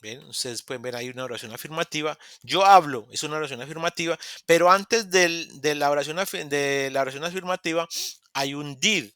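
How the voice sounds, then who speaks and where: A man's voice: fairly high pitch, a little fast, pushed and bright, clean tone, no room sound, clean studio sound. A man teaching English grammar in an online class, patiently repeating examples and acting out short dialogues. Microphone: computer mic in a video call.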